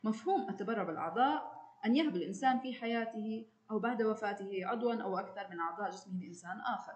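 A woman's voice: medium pitch, rapid-fire. A woman teacher giving a recorded lesson, addressing the student directly, with frequent hesitation sounds.

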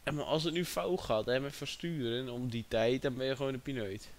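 A man's voice: medium pitch, fairly quick. A man chatting casually on a livestream, distracted and talking to his chat and a friend. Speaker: livestream host.

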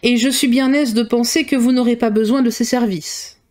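A woman reading a novel aloud, voicing a dry, teasing middle-aged father who speaks in a slow, ironic, mocking way. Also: on the high side, steady tone, darkish tone, lightly acted. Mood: wry.

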